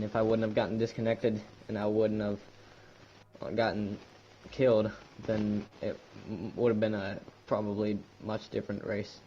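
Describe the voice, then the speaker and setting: A man, a racing league driver, talking hoarsely and ruefully in a post-race interview. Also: on the low side, warm tone, a little hiss or hum. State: hoarse from yelling. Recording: muffled lo-fi voice chat.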